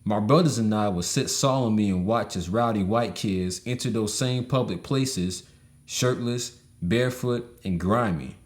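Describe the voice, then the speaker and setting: A man reads a memoir aloud, his voice sitting somewhat low. The delivery is measured and steady, like a careful audiobook reading. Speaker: audiobook reader.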